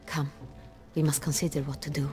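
A woman plays a regal, commanding noblewoman from a fantasy game, formal and urgent in her speech. Her voice is low for a woman. Game music plays behind her. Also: level tone, brisk, mellow, close to an everyday voice.

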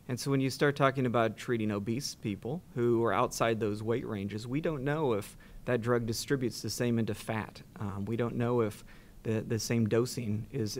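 A middle-aged man on a studio panel, explaining in a plain way with some fillers. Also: medium pitch. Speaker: oncologist on a panel. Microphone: desk mic.

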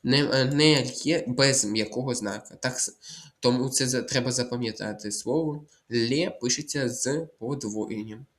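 A man giving a language exam walkthrough lesson as a tutor, talking slowly and deliberately, repeating words, spelling out letters and telling listeners to memorize rules. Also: mid-range voice.

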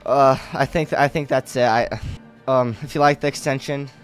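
Young guy doing rambly gamer bro commentary, kinda hyped, normal pitch, bit of music behind. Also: steady tone, normal speed. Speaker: video creator demonstrating his own program. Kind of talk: casual gameplay commentary. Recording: music playing underneath.

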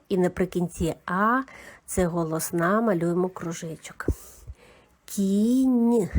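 Slow, patient woman teaching letter sounds. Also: lowish voice. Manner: calm, methodical, spells out each sound. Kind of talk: slow, patient children's literacy lesson.

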